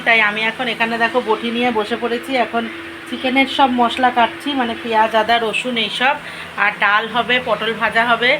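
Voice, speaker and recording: A woman with a hoarse voice from a cold, chatting casually to viewers in a home vlog from her kitchen. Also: a little high. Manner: chatty, addresses viewers directly. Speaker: vlogger. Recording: noisy home recording.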